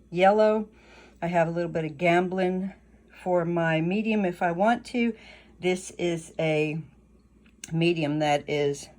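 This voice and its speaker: Low-voiced woman musing over a painting. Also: a little mellow. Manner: thinking aloud, unhurried and musing. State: hiccuping. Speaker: painting instructor. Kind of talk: casual painting tutorial narration.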